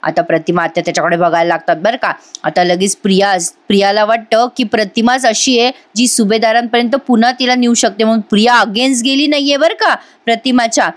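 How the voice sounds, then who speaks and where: A woman's voice: on the high side, steady tone, a little fast, few pauses. Chatty woman recapping a soap episode. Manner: retells scenes and acts out each character's lines; chatty, addresses viewers directly. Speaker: TV serial reviewer. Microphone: voice-over.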